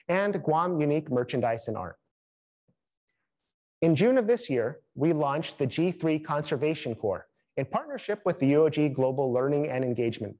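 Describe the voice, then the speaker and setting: A young man presenting a scripted program update to camera in a studio, in a steady, measured way. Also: a little high. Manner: steady, measured delivery listing achievements. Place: studio in front of a green screen.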